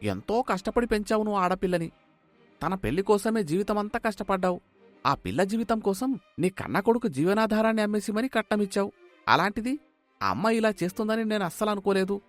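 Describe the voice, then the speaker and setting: A man voicing a sympathetic older villager in an animated storybook, speaking with exclaiming concern. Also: sits high, a little fast, soft background music, voice pushed up. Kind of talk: storybook voice acting.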